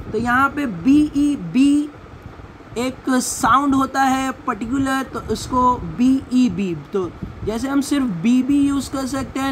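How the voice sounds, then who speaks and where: High-voiced, slow-talking woman teacher. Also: a little hiss or hum, low-quality recording. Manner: slow, repeats words and spells them out. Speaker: English teacher. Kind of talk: classroom lesson explaining syllables.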